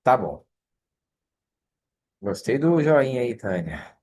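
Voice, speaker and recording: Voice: medium pitch, sing-song, takes it slowly, darkish tone. A study group leader with a Brazilian Portuguese accent gives an online scripture lesson over a video call, speaking conversationally and often checking in with listeners.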